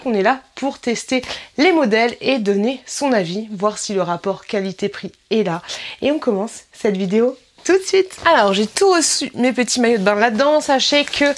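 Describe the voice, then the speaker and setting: A woman's voice: on the high side, a little hiss or hum. Chatty woman vlogging. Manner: chatty, self-correcting, many fillers. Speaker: vlogger reviewing swimsuits. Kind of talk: casual try-on vlog.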